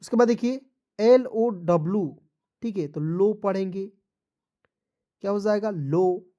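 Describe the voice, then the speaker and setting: A man teaching a spelling and pronunciation lesson in a warm, mellow voice. He spells words letter by letter and then says each one aloud. He keeps turning to his viewers with quick questions, calling them friends. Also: sits high, muffled recording.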